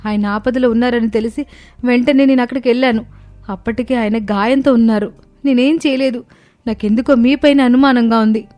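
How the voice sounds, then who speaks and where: A woman's voice: on the high side, fairly even intonation, a little fast, a little mellow, faint music behind, close to an everyday voice. A woman voicing an innocent young village daughter-in-law, pleading and distressed.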